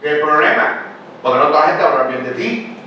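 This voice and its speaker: A man's voice: on the high side, animated, a little fast, pushed and bright, slight background noise. An older man preaching a sermon as pastor, talking to the congregation in a casual way and asking them many rhetorical questions. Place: church hall. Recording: very echoey church hall, picked up from a distance.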